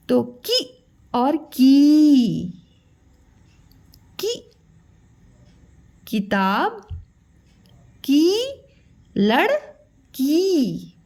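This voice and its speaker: A woman teaching young children to read, stretching syllables slowly and calling the listener "beta". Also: high-pitched, darkish tone. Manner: slow, drawn-out syllables for children. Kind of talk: children's Hindi lesson.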